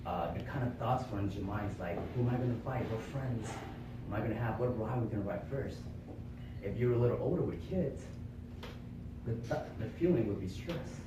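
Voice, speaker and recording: Born in Vietnam and raised in Florida, a young man delivers a prepared club speech to a small audience in a meeting room, explaining earnestly and posing rhetorical questions. His mid-range voice is lively and brisk. Background noise is present, and the room sounds echoey and distant.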